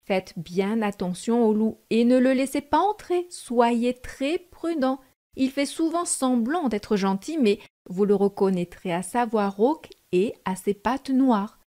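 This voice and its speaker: A protective mother goat urges her little ones to be careful, high and earnest, as a woman reads her lines. She speaks slowly, stressing each warning. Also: animated, dark tone. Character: anxious caring mother goat.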